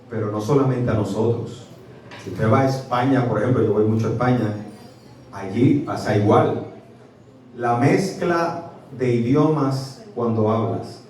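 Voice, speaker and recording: A Puerto Rican man giving a lively public talk as a professor, quizzing his audience as he goes. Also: medium pitch, slight background noise. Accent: Puerto Rican Spanish. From Puerto Rico. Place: restaurant event space. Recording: echoey venue, mic from a distance.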